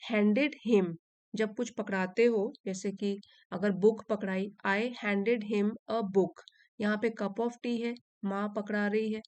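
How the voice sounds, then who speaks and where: Slow, deliberate woman teaching English. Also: mid-range voice, fairly even intonation, a little mellow, no room sound. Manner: reads English lines slowly and deliberately, then translates and explains. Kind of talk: explaining an English passage in Hindi.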